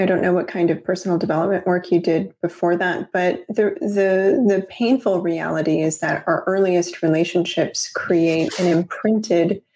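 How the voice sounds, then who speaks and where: A woman talking in a podcast conversation, explaining things in a measured way and laughing easily. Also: fairly low pitch, darkish tone, husky.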